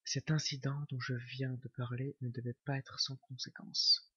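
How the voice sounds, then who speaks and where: A man giving a whispered ASMR reading of a novel, slow and hushed. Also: medium pitch, level tone, husky, dry recording. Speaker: ASMR reader. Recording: dull lo-fi recording.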